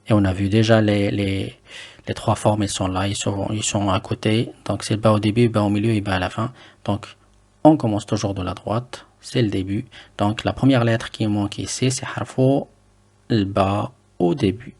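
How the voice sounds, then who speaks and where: A man teaching Arabic letters in French, patient and slow, repeating each word for the learner to drill. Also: lowish voice, steady tone, a little mellow.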